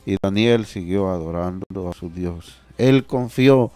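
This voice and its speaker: A man's voice: deep voice, measured pace, dark tone, no room sound. A man preaching a sermon and reading scripture aloud, earnest and repeating phrases for emphasis.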